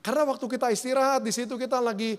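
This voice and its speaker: A male pastor preaching a sermon in an animated way, slipping English words into his talk and acting out the voices he quotes. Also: extremely high pitch, very fast, big-room sound.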